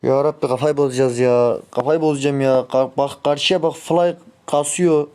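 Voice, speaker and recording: A man's voice: mid-range voice, fairly even intonation, moderate pace, clean tone. A young man streaming and commenting on his own gameplay, grumbling and swearing when things go wrong. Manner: frustrated, shouts sharply when the game goes wrong. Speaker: gaming streamer.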